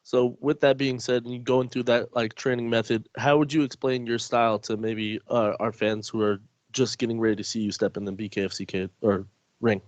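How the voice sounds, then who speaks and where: A man co-hosting a podcast, asking the guest questions in a relaxed way. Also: mid-range voice, moderate pace, no room sound, lo-fi sound. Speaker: podcast co-host. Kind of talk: casual interview questions.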